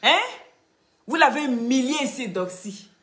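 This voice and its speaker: A woman's voice: high voice, expressive, unhurried, a bit bright. A woman giving emphatic live-stream commentary, scolding her viewers and often asking them "hein?".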